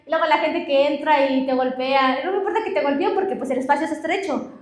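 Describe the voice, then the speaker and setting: Speaking fast in a high-pitched voice, a young woman pastor delivers a church sermon woven with personal stories, repeatedly turning to address the congregation. The recording sounds roomy.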